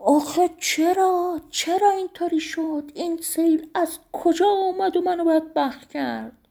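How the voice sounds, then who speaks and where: A woman's voice: very high-pitched, vocal fry, warm tone, voice pushed up. Woman doing a wailing greedy master. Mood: shouting. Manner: wailing and shrieking, slow drawn-out cries. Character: greedy wailing master, middle-aged man.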